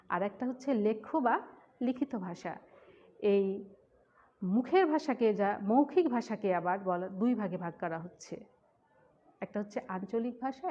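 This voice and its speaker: A woman's voice: on the high side, a little mellow. A woman from the Khulna region teaching a school grammar lesson, who explains step by step, repeats key points and asks her class questions. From Khulna region of Bangladesh. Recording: dull, muffled lo-fi sound.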